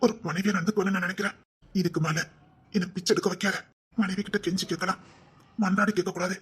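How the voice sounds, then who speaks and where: A man's voice: high voice, little pitch movement, a bit bright, slightly rough, full character voice. A man playing an aggrieved husband who scolds and then pleads with his wife in a web drama. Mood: wounded pleading. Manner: reproachful, rapid nagging with repeated "di".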